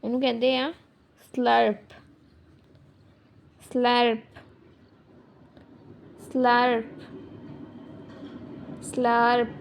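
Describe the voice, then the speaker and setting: A woman teaching English vocabulary, repeating each word slowly and saying the English words louder. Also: on the high side, flat delivery, creaky. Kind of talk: slow vocabulary lesson.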